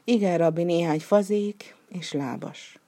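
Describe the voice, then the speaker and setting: A woman's voice: lowish voice, dark tone. A woman voicing a poor, pious old man who speaks meekly and with resignation in a storybook reading. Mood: humble. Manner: meek, resigned.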